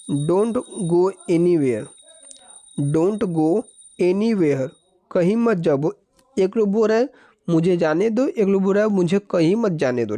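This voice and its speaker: A man from India with a Hindi-speaking Indian accent teaches spoken English, repeating each phrase slowly and switching between Hindi and English. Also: a little high, dark tone. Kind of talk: slow spoken-English lesson.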